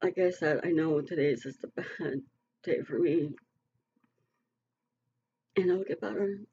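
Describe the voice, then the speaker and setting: A woman's voice: low voice, measured pace, warm tone, slightly rough, highs cut off. A middle-aged woman talking earnestly and emotionally to her online community in a casual, rambling vlog. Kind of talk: casual heartfelt vlog talk.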